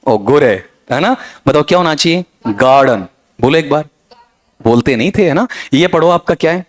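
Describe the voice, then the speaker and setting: A man's voice: a little high, fairly quick. A man teaching a classroom lecture, constantly questioning his students and checking that they follow. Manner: animated, questioning students constantly, repeats "theek hai?".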